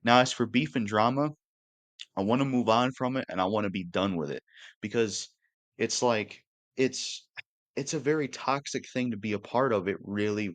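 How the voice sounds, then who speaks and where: An earnest young man in his twenties talks straight to his viewers in a casual, looping monologue, dropping the occasional curse. His voice sits on the low side and sounds close and dry, with little room around it. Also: no echo. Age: 20s. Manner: earnest, repetitive, occasionally cursing. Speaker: YouTuber.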